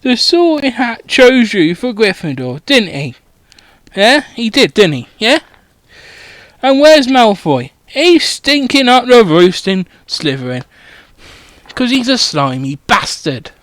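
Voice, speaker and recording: A man's voice: extremely high pitch, sing-song, slow, a bit bright, no room sound, exaggerated voice. A cheeky teenage wizard boy talks matey and rude, voiced by a man. His voice bounces up and down and takes its time. It is heard close and dry.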